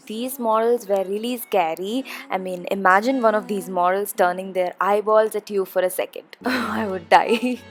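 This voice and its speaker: A woman's voice: mid-range voice, moderate pace, hardly any pauses, soft background music. A young woman from India narrating a casual travel vlog, chatty with frequent ums and uhs. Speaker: travel vlogger.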